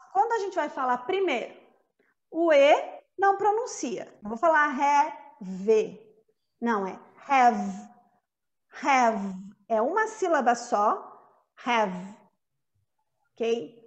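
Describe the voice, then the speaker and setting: A woman teaching an English pronunciation lesson, patiently saying each word slowly and more than once to model the sounds. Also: high-pitched, muffled recording. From Brazil.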